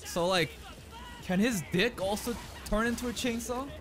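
A young man hosting an anime reaction video, talking casually with slang and swinging between loud outbursts and low muttered asides into a studio mic. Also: moderate pace, over music. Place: small bright indoor room. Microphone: large studio mic on a boom arm.

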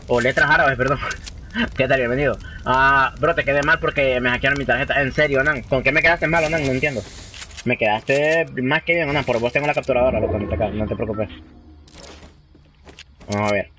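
A man's voice: medium pitch, a little fast, long pauses, bright, forceful tone, a little hiss or hum. A young man from Honduras streaming a game live, chatting with viewers and tossing in English phrases. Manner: chatty, reads chat aloud, slangy, mixes in English phrases. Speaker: livestreaming gamer. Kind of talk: casual live gameplay commentary.

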